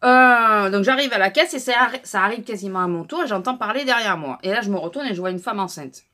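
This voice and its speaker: A woman's voice: medium pitch, expressive, fast talker, bright, forceful tone. Woman vlogger, chatty and indignant, everyday casual delivery. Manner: chatty, indignant storytelling with many fillers. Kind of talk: casual haul vlog.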